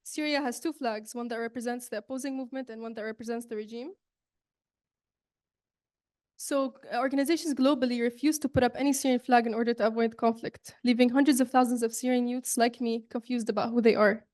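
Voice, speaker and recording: A woman's voice: a little high, steady tone, brisk, darkish tone. A young woman from Saudi Arabia giving an earnest student presentation, with frequent fillers and restarts. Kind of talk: presentation talk.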